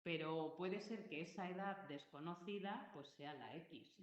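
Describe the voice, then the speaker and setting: A woman's voice: fairly low pitch, unhurried. A woman teaching a math class, explaining patiently step by step and checking that students follow. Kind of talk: classroom lesson. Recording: roomy, dull lo-fi recording.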